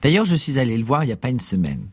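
A man's voice: medium pitch, wildly swooping pitch, rapid-fire, a little mellow, husky, dry recording. A man performing an ironic comedy monologue on stage, telling his story theatrically.

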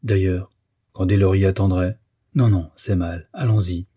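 A man's voice: low-pitched, fairly even intonation, normal speed, mellow, slightly rough, no room sound, studio quality. A man voicing a hesitant young man who argues with himself and justifies his choices. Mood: musing. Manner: inner musing, wavering.

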